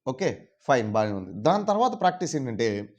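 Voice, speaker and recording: A man's voice: medium pitch, very animated, darkish tone. Man teaching on a dull recording. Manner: explains patiently, repeats words slowly for drills. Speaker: English teacher. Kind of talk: casual video lesson. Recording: dull lo-fi sound.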